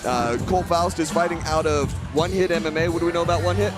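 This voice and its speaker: A man's voice: a little high, steady tone, fast. A man giving loose, unscripted live commentary on a fight. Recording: commentary over very loud music. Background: loud walkout music.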